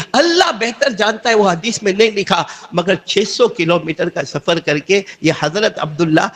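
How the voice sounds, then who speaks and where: A man preaching with a high, lifted voice. He tells the story dramatically, voicing each character's lines and calling out to the congregation to draw them in. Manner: dramatic, acts out dialogue, calls out to listeners. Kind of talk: Urdu sermon storytelling.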